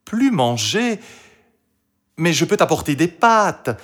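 A man's voice: a little high, big pitch swings, slow, a bit bright, pitched above the performer's own voice, exaggerated voice. A man voicing a young, cheerful and kind princess girl in a storybook reading. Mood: eager, bright.

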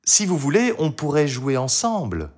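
Storybook princess girl, sweet and eager, high and lively, put on by a man. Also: normal speed, husky, full character voice. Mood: eager, bright. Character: young princess girl, cheerful and kind.

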